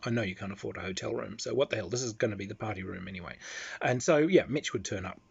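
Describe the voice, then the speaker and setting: A man with an Australian accent telling casual convention anecdotes in an animated, loose storytelling manner. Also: on the low side, quick pace, gravelly, breathy edge, lo-fi sound.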